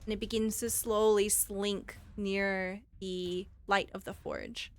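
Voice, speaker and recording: A woman's voice: medium pitch, flat delivery, slow pace. A woman narrating a tabletop roleplaying game as game master, with descriptive, suspenseful storytelling.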